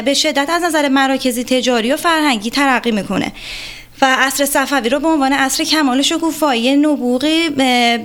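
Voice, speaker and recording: A woman's voice: high-pitched, fairly bright tone. A woman from Isfahan with an Isfahani Persian accent, presenting an informative radio talk. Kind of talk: informative talk with recited verse.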